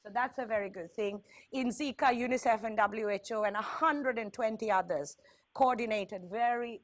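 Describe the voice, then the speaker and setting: With a mid-range voice and a Sri Lankan accent, this woman presents at a conference as a health agency risk communication expert. She's frank and dryly humorous, driving points home through repetition and short tag questions.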